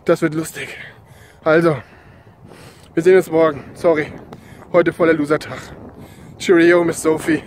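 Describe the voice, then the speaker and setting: A man's voice: a little high, flat delivery, moderate pace, pauses often, darkish tone. A man in his forties talking casually to his phone while out running, out of breath, in short broken bursts. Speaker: sports vlogger. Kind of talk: casual selfie vlog, complaining frankly. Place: outdoors on a country path by open fields. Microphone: phone at arm's length. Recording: outdoor ambient noise.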